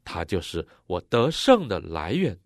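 Male interpreter, deep and animated, expressive, close dry mic. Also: measured pace, no room sound. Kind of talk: consecutive sermon interpretation.

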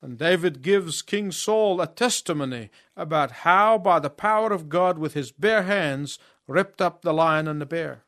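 A man's voice: a little high, animated, fairly bright tone, no echo. Male preacher, phrase-by-phrase storytelling sermon, light voice, close dry sound. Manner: storytelling, pausing in short phrases for the interpreter. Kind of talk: sermon with live interpretation.

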